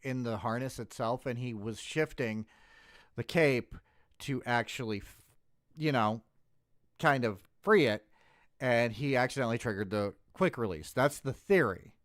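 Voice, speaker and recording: A man's voice: mid-range voice, measured pace, a bit bright, dry recording, clean studio sound. A man hosting a stream, reacting to a video in a blunt, profane casual rant that often breaks off mid-word. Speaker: streamer host.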